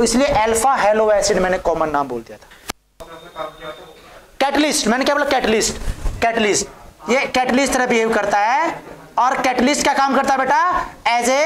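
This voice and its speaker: A woman teaching a chemistry class, coaxing her students with questions that she answers herself. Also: on the high side. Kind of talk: classroom lecture. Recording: echoey room.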